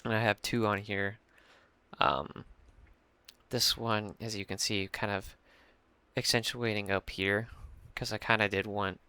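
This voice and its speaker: A young music producer with a gravelly, low, sharp voice explains a mix in a casual screen-share tutorial from a small room at his computer. He rambles, with lots of fillers and restarts.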